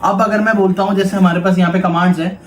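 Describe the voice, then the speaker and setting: This fast-talking Indian toy shop presenter has a high-pitched voice and a flat delivery as he explains a product step by step, blending Hindi and English in a casual demo. Echo, background noise and clicking fill the recording.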